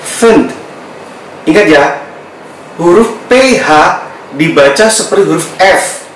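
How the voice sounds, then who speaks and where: A man with an Indonesian accent teaching English pronunciation, saying each word slowly and drawn out again and again. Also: high voice, animated, roomy sound, a little hiss or hum, rough recording. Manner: slow, drawn-out repetition of words. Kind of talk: pronunciation lesson.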